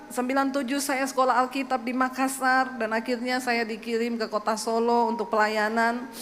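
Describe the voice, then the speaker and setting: A woman pastor from Sulawesi with a Sulawesi accent, telling a lively sermon testimony and acting out the voices in her story. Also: a little high, big-room sound.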